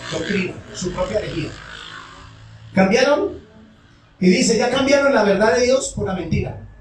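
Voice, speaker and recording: A male pastor delivers a call-and-response sermon in a high voice. He keeps asking the congregation short questions and answers them himself. He sounds distant from the microphone, and the church around him rings with heavy echo and faint room noise. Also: lively intonation, normal speed. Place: church sanctuary. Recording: echoey church hall from far off.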